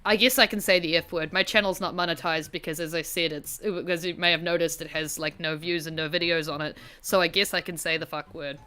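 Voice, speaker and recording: A woman's voice: deep voice, fairly even intonation, a little fast, few pauses, sharp tone, smooth. A woman with a broad rural New Zealand accent giving casual gameplay commentary in a rambling, sweary, self-deprecating way. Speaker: gaming video host.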